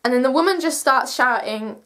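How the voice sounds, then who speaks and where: A young woman of seventeen with a high-pitched voice tells a personal story to camera. Her delivery is casual and animated, full of slang and emphatic swearing. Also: fairly quick. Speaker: vlogger telling a personal story.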